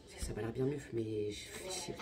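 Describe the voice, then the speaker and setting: Fairly quick and animated, a young woman with a rumbling low voice vlogs over crowd noise. She's a lifestyle vlogger, chatting to viewers in a casual, slangy way full of exclamations.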